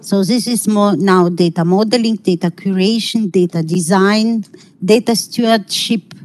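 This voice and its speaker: Slow, halting middle-aged woman lecturing online. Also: medium pitch, darkish tone, no echo, poor audio. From Kazakhstan. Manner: halting, searching for words, non-native phrasing. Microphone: video call.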